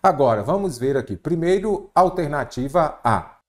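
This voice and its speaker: With a higher-leaning voice and lively intonation, a Portuguese teacher moves at a moderate pace through exam questions during an exam prep lesson, stepping through each one by asking and answering his own questions.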